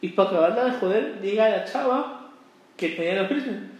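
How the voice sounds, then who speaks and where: Mexican guy, high-ish voice, animated storytelling podcast chat, really echoey room, mic far off. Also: fairly quick. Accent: Mexican Spanish. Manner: animated, acts out quoted voices. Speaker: podcast co-host.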